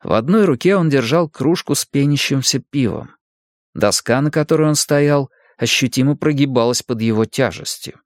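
Steady male audiobook narrator. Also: mid-range voice, normal speed, no echo, clean studio sound. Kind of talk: scripted narration.

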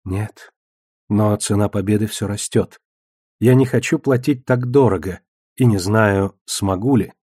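A man's voice: fairly low pitch, measured pace, slightly rough, dry recording, studio quality. Weary sorceress queen, a man voicing her. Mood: subdued. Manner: subdued, quiet.

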